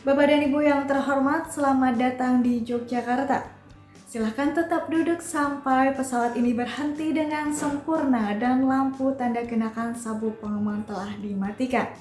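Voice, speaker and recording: A formal, courteous flight attendant with a high voice delivers scripted cabin announcements, acted out by a woman. The sound is roomy and echoing, with music playing clearly behind. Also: steady tone, moderate pace, darkish tone, natural voice.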